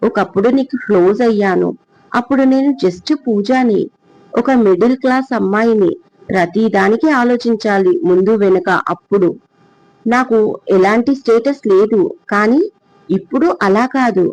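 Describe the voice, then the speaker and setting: A woman's voice: medium pitch, moderate pace, darkish tone, no room sound, lightly acted. A storyteller voicing a stubborn young woman who curtly waves off her suitor, on a dull, dry recording. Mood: cold.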